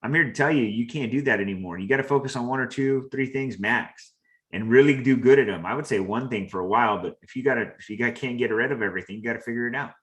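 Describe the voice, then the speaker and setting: A man's voice: mid-range voice, racing, few pauses. A man hosting a motivational talk, speaking earnestly and repeating phrases for emphasis. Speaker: host.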